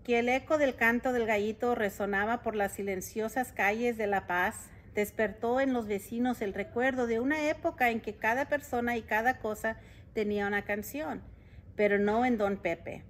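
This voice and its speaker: A woman's voice: fairly high pitch, moderate pace, slight background noise. Woman reading a picture book aloud. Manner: warm, expressive storytelling with chatty asides. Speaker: school board president reading to children.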